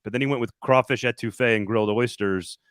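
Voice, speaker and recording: A man's voice: medium pitch, steady tone, fast talker, fairly bright tone, clean tone, no echo, clean studio sound. A man hosting a casual sports talk show, rambling and restarting his sentences often. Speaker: sports podcast host reporting on location.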